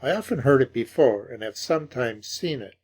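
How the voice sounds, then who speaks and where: A man voicing a frightened, superstitious old woman in a spoken ghost story, his voice raised in pitch and pleading. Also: expressive, brisk, darkish tone, husky. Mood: hushed dread.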